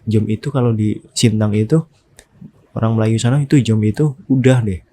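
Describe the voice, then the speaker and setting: A man's voice: fairly low pitch, moderate pace, warm tone. A man from Indonesia hosting a reaction video, chatting casually and often asking viewers to agree.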